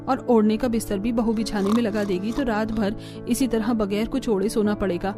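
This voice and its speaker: For a Hindi family cartoon, a woman voices a protective, exasperated older village mother-in-law who scolds using rustic idioms. Her natural, medium-pitched voice is fairly even in intonation and a little fast, heard over music.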